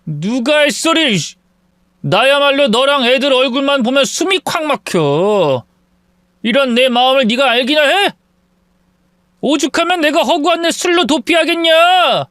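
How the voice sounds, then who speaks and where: A man's voice: high voice, big pitch swings, measured pace, no room sound, clean studio sound, voice pushed up, exaggerated voice. A man doing a drunken bullying husband. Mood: threatening. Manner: belligerent, shouting, slurring threats.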